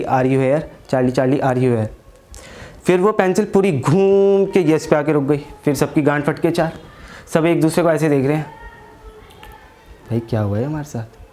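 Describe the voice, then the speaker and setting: A man's voice: fairly high pitch, darkish tone. A young man doing stand-up comedy, telling a story in a crude, slangy way and acting out his friends' lines.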